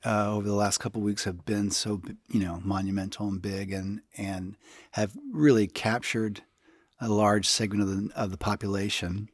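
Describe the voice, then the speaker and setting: A man's voice: on the low side, level tone, normal speed, no echo, studio quality. A man co-hosting a casual podcast, rambling a little with restarts, his voice throaty from allergies. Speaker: podcast co-host.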